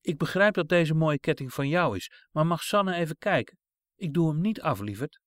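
A gentle, caring woman from a storybook speaks softly and coaxingly, as a male reader puts her on. Her voice sits high and moves lively in pitch, and the sound is dry and close. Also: normal speed, no room sound. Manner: soft, soothing, coaxing.

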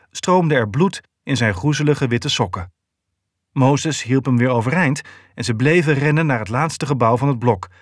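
An audiobook narrator, male, reads a novel aloud in scripted narration, keeping a steady, even storytelling voice in the mid range. The sound is clean studio audio with no room sound.

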